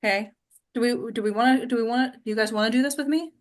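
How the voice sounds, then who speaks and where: A woman with a slightly high voice talks fast as she hosts and teaches an acting class. Her casual chat with the small group is sprinkled with check-in questions like "right?".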